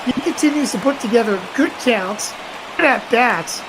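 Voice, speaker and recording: A woman's voice: fairly high pitch, expressive, normal speed, noisy background. A woman doing emphatic, conversational play-by-play baseball commentary on a live stream.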